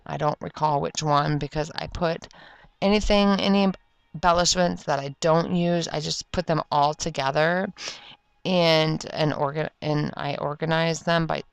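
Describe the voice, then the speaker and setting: A woman's voice: deep voice, fairly even intonation, a little slow, creaky, clear, resonant tone, dry recording. A woman chatting casually through a scrapbooking tutorial at her craft table, rambling and correcting herself, with the hiccups. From Florida. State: has the hiccups. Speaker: scrapbooking video creator.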